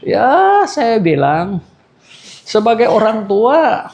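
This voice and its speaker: A man's voice: sits high, sing-song, takes it slowly, gravelly, darkish tone. An older man, a pastor, giving an anniversary sermon in a chatty storytelling way, laughing and calling out questions to the congregation.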